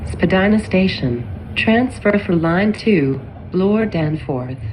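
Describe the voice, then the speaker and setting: Low slow lady on the subway pa, spliced together words, train noise under it. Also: low-quality recording. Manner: slow, even, clipped station names. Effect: spliced-together recorded words. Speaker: transit announcer. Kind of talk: recorded station announcements. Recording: onboard train with vehicle noise. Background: train rumble.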